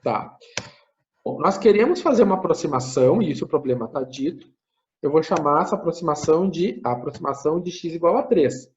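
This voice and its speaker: A man teaches a math class, walking through each step aloud and correcting his own slips. His voice swings up and down with animated intonation. The recording is muffled and lo-fi. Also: fairly high pitch, brisk, slight background noise. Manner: thinks aloud, tags phrases with "né?", corrects himself. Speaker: math lecturer.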